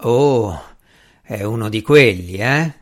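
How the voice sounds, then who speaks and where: A man's voice: mid-range voice, sing-song, moderate pace, natural voice. A man voicing a proud young magician in an audiobook, with a dry, scornful way of talking. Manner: dry, sardonic.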